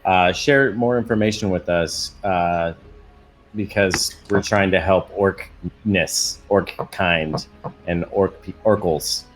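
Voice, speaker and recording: A man taking part in a tabletop role-playing session, chatting and joking with the others. His voice is very deep and unhurried, with faint music behind him. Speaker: player. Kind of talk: casual game chat.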